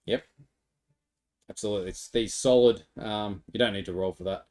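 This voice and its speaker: A man narrating a tabletop game as game master, easygoing and quick to laugh. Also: lowish voice, steady tone, a little mellow. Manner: easygoing, laughs between descriptions.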